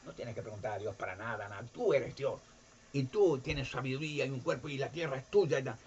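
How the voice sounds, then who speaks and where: A man giving an impassioned religious monologue, animated, acting out voices and sounds. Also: brisk. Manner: animated, jumps in pitch to act out voices and sounds. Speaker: video presenter. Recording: dull lo-fi recording.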